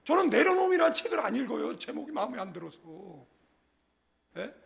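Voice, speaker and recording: A middle-aged male pastor giving a humorous, conversational sermon, often asking the congregation "예?" and acting out other people's words in a lower voice. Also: very animated, a little fast, creaky. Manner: humorous, conversational preaching with frequent call-and-response "예?"; acts out quoted people in a lower, softer voice. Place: church sanctuary.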